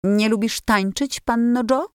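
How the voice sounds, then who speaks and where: A woman voicing a shy, well-mannered teenage boy in a storybook reading, courteous and gently amused. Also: a little high, measured pace, smooth, no echo, studio quality, pitched above the performer's own voice, natural voice.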